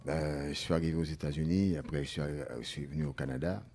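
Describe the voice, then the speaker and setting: A man's voice: a bass voice, level tone, quick pace, a little mellow. An older man born in Haiti, telling his life story as a guest in a radio interview, reflective and hesitant at times.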